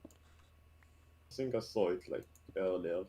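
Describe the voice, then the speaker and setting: A man's voice: low voice, slow, warm tone, breathy edge. A man chatting casually, asking skeptical questions. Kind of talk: casual chat.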